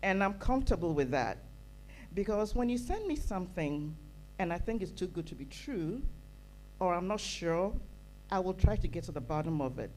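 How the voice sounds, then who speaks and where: Lady at a conference mic, kinda low voice, earnest, hammers her points with repeats. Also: big pitch swings, moderate pace, darkish tone, slight background noise, low-quality recording. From Ghana. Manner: earnest, emphatic, builds with repetition. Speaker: audience member at a conference. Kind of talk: speaking from the floor at a conference. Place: conference hall. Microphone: handheld microphone.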